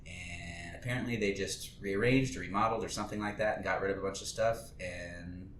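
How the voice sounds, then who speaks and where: A man's voice: brisk, a bit bright. A man hosting a casual podcast, telling rambling, laid-back stories with the odd swear word. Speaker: podcast host. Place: home kitchen studio. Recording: echoey room with faint rumble.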